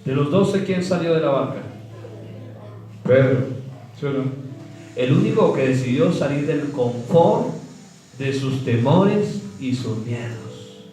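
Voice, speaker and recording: A man's voice: mid-range voice, animated, slow pace, long pauses, mellow. A man preaching a sermon, quizzing the congregation with call-and-response questions and swooping emphasis. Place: church hall. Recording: echoey hall from far off, faint music.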